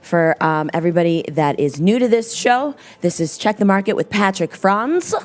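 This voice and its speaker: A woman's voice: medium pitch, animated, moderate pace, faint music behind. A woman co-hosting a show, chatty and playful. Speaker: co-host. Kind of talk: casual show chat.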